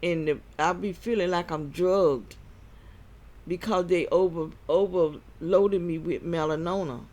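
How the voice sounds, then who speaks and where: A male vlogger rambles through a personal monologue, stopping and starting again and again while sounding out of breath. His voice sits in the middle range and has a slightly mellow quality.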